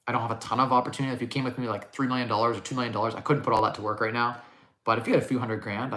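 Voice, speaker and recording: A man in his thirties talks quickly and casually as he hosts a live question-and-answer podcast. His voice is bright and forward, and he lays out plain numbers directly. The sound carries an echo from the room. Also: mid-range voice. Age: 30s. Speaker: podcast host.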